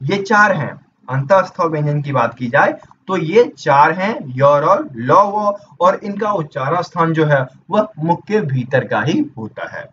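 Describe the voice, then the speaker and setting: A fairly high-voiced man teaches an exam-prep grammar lesson, posing questions and answering them himself as he works through each point. He sits some way from the microphone. The sound is a little dull, with a faint hiss behind him. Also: animated, a little slow, few pauses, fairly bright tone. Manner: explains step by step, asks and answers his own questions. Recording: dull distant mic with faint noise.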